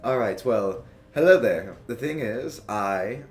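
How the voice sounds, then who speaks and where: A man's voice: lowish voice, lively intonation, slow, darkish tone, soft background music. A man voicing a chipper clockwork robot receptionist. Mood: cheerful formal. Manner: chipper, formal customer-service greeting. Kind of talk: tabletop role-play character voice.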